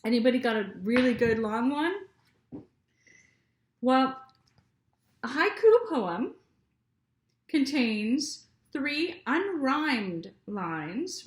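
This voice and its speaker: A woman with a fairly high voice teaches young children in an unhurried, encouraging way and keeps asking them questions. She reads aloud slowly and with care. The sound is echoey, as if recorded in an open room. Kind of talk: children's lesson with read-aloud.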